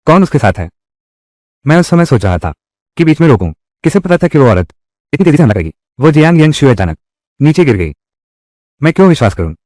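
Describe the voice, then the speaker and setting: A menacing tough guy from a dubbed revenge drama, voiced by a man. His pitch swings widely as he threatens, and the close studio recording is dry with no room sound. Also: darkish tone, dry recording, lightly acted. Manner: threatening, confrontational delivery. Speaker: dubbing voice actor. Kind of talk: Hindi dub of a live-action drama.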